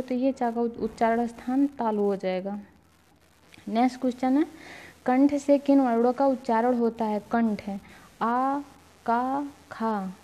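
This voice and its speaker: A woman teaching an online exam-prep class, slowly sounding out syllables for viewers to repeat and calling them friends. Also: fairly high pitch, warm tone. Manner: drawn-out sounds modelled for repeating.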